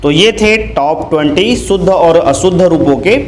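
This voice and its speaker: Male teacher, spells words slowly. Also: a little high. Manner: slow, spells words out letter by letter and repeats them. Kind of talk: Hindi grammar lesson.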